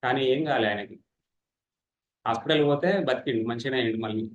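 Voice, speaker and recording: A man, teaching public speaking in an online class, fast and animated, teasing participants. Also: mid-range voice, reverberant, dull audio. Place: online meeting.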